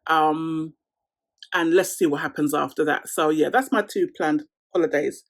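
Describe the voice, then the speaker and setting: A woman's voice: deep voice, a little slow. Chatty London woman vlogger. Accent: London English. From London, England. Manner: chatty, animated, laughs often. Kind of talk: casual Q&A chat to camera.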